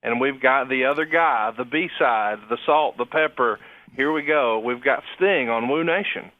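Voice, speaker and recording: A man's voice: medium pitch, measured pace, dry recording. A man in his thirties co-hosting a podcast, talking enthusiastically and with a salesy push. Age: 30s. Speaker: podcast co-host. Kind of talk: upbeat podcast talk and ad reads. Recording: slightly dull, dry radio-like sound.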